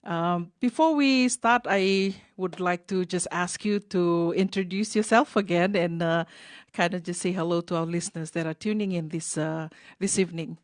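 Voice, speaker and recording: A woman with a Fijian accent hosting a community radio interview, measured and full of filler sounds. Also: on the low side, dry recording. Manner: measured, many filler sounds, switches between two languages. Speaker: radio show host.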